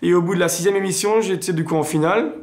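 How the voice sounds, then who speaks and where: Hesitant man, slightly high voice. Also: fast talker. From Alsace, France. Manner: hesitant, many fillers and restarts. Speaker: singer. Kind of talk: interview answers.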